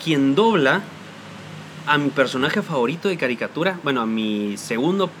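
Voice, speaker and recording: A man's voice: medium pitch, lively intonation, moderate pace, fairly bright tone, slight background noise. Guatemalan man musing in casual podcast chat. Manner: conversational, musing, asks questions. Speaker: podcast co-host.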